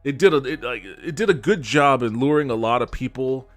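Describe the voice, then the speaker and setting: Skeptical and sarcastic, a male podcast host reads web copy aloud while giving casual critical commentary over background music. He talks briskly and expressively in a mid-range voice.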